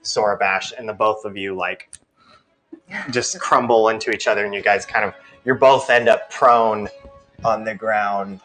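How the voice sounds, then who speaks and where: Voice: mid-range voice, fairly even intonation, measured pace, a bit bright, faint music behind. A game master narrating a tabletop game in a rambling way, full of fillers and hedges.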